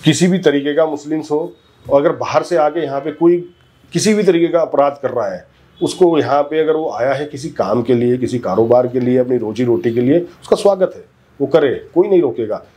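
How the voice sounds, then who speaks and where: This man speaks as the guest in a heated political interview. He argues insistently, talks over the person asking questions, and sometimes wanders through restarts and fillers. His voice sits fairly high but sounds dark and husky. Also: normal speed. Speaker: interview guest, community leader.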